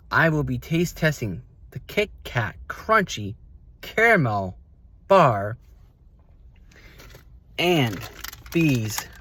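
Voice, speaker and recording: Male vlog host for a casual snack review. Slightly husky voice, halting phrases, animated intonation. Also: fairly high pitch. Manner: halting delivery in short, broken phrases. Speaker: host of food taste test vlog. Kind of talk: casual taste-test review to camera.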